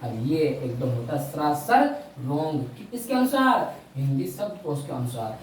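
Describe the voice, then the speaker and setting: A man teaching a Hindi lesson, speaking slowly, stressing key words and repeating his questions to the class. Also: a little high, very animated, a little hiss or hum. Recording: echoey room, mic far away.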